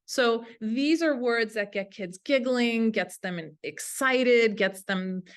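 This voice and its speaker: A language teacher hosting a webinar for her peers speaks in a slightly high, smooth voice, taking her time. Her delivery is lively and informal as she instructs.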